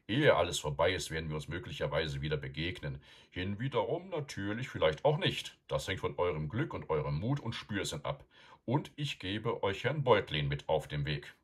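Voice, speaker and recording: A man voicing an old male wizard who lectures loudly and sternly, with a deep, husky voice. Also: animated, moderate pace. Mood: stern, lecturing. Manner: loud, admonishing, emphatic.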